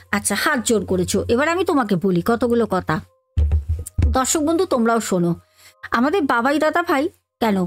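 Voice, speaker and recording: A woman podcast host chatting casually and reading out listener comments, addressing her audience directly with frequent fillers. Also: high-pitched.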